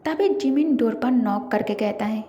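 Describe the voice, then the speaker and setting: A woman narrating a fan-fiction story in a steady storytelling manner. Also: fairly high pitch, normal speed, lo-fi sound, slight background noise. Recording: echoey reverberant room.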